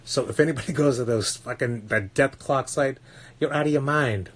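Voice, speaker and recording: A man's voice: medium pitch, normal speed. A man talking as a parenting coach on a casual podcast, blunt and earnest, swearing often and repeating words as he searches for them.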